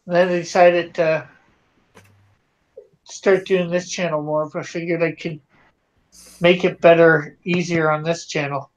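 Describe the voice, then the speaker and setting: A man's voice: on the high side, level tone, a little slow, long pauses. Giggly Canadian man on a live stream. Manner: giggly, laughs often. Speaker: guest YouTuber. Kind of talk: casual live-stream chat. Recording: slightly dull lo-fi audio.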